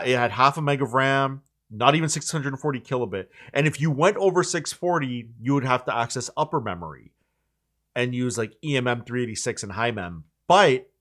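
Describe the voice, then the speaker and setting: Male host, forties, relaxed chat, rambling with fillers and restarts. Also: mid-range voice. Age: 40s. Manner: rambling, full of likes and restarts. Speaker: channel host. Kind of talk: casual chat.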